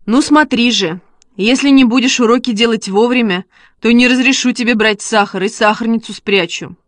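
A stern mother with dry humor, as a woman reads her, scolding evenly. The voice sits a little high and is recorded close and dry. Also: moderate pace, a bit bright, no room sound, lightly acted. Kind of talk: storybook reading.

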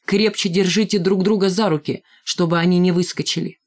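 A woman's voice: lowish voice, fairly even intonation, a little fast, close to an everyday voice. A woman voicing a cold, commanding schoolgirl ringleader in an audiobook reading. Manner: curt, commanding.

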